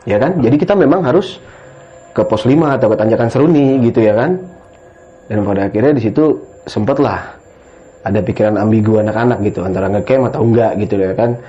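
A man's voice: lowish voice, a little fast, warm tone. A man, telling a story as a guest in casual talk, rambling and tagging his sentences with "gitu ya kan" and "Bang". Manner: rambling, keeps adding "gitu ya kan" and calling the listener "Bang". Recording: dull lo-fi sound.

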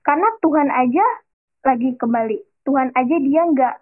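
A woman's voice: high-pitched, moderate pace. A young woman hosting her own podcast, telling a personal story in chatty slang and speaking straight to her listeners. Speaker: podcast host. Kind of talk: casual solo podcast chat. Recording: tinny phone-like sound.

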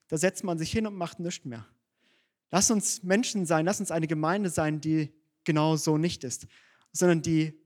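Mann predigt ernst und direkt. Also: male voice, high-pitched. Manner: direct, earnest preaching addressed to the congregation. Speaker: pastor. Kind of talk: sermon. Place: church.

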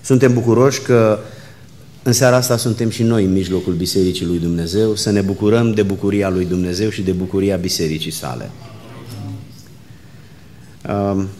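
A man serving as a visiting pastor, reading scripture, praying and greeting the congregation in a church at a microphone, in a measured, solemn way. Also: low voice, fairly even intonation, warm tone, slight background noise. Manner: measured, solemn reading that slows into fervent prayer. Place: church sanctuary.

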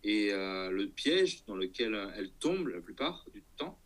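A man's voice: fairly low pitch, very animated, normal speed. A man talking casually in an interview as an entrepreneur, hesitating and thinking aloud, often checking that the listener follows. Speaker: entrepreneur guest.

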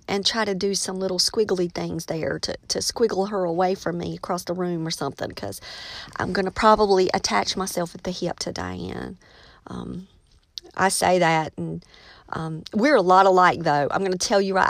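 A middle-aged American woman, a teacher and writer, hosts a casual solo podcast, talking straight to her listeners in a folksy, storytelling way. Her voice is fairly low, her pace moderate, and there's no echo.

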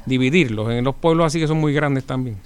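A man's voice: mid-range voice, fairly quick, clean tone. A Puerto Rican man co-hosting a talk radio show in casual banter. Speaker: radio co-host.

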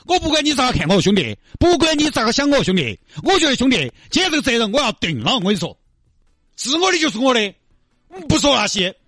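A man's voice: extremely high pitch, very animated, fast, fairly bright tone, no room sound, exaggerated voice. A man playing a pushy, chummy wealthy driver who insists on taking the blame and keeps calling the other man brother. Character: brash wealthy male Audi driver, pushy and generous. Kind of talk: comedy skit.

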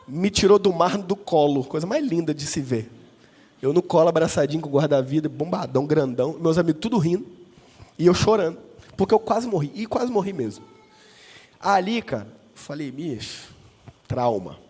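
A man's voice: fairly high pitch, slightly rough. A male pastor preaching a sermon, telling a personal story and acting out the dialogue in different voices. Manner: animated, acts out dialogue with voices. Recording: long reverb.

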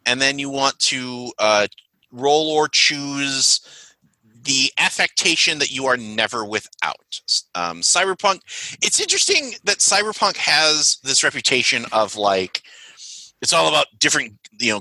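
A man's voice: medium pitch, sharp tone, no room sound, poor audio. A man running a tabletop role-playing session as game master, chatty and rambling with lots of fillers.

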